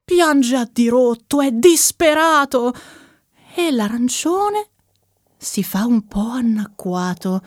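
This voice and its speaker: A woman narrating a rhymed children's story in a gentle, sing-song delivery. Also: on the high side, expressive, slow, no echo.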